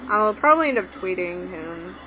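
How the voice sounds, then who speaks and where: A young woman of Mexican background, with a lowish, expressive voice and a bright, forceful tone, speaks at a moderate pace. She gives a casual language lesson while writing, rambling, hesitating and correcting herself as she goes. It's a lo-fi home recording with background noise, made in a room where a TV is on.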